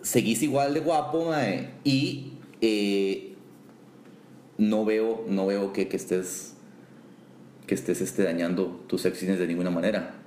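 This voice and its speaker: A man's voice: fairly low pitch, darkish tone. Teasing Costa Rican man, echoey room. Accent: Costa Rican Spanish. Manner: mock-serious, teasing, halting restarts. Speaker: host. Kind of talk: comedic interview. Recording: echoey room with faint noise.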